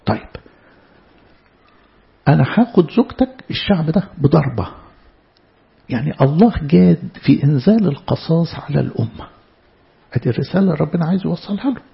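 A man with an Egyptian Arabic accent teaches from the Bible in a chatty, questioning way. His voice is strongly gravelly and sits a little high. The recording sounds dull and lo-fi. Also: sing-song, a little fast, pauses often. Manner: conversational, asks rhetorical questions. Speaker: preacher.

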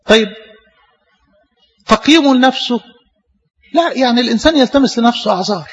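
A man's voice: extremely high pitch, lively intonation, a little fast, a bit bright, slightly rough. A man with an Egyptian Arabic accent preaching a sermon, asking rhetorical questions and repeating phrases for emphasis.

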